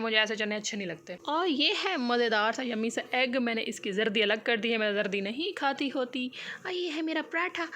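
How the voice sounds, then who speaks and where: A woman's voice: on the high side, sharp tone. A woman with a Pakistani Urdu accent chatting in a casual family vlog at home, filming on a handheld phone, soothing and teasing by turns. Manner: soothing, coaxing, then teasing and laughing. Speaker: vlogger. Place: home room. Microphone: handheld phone camera.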